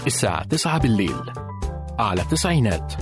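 A man's voice: on the low side, big pitch swings, quick pace. A man reading a dramatic radio station promo as its announcer. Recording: clear music bed behind. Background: music.

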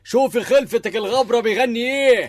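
A blustering middle-aged Egyptian village mayor, gruff and bossy, scolding fast. His voice sits high for a man, and the sound is dry and close. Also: dry recording.

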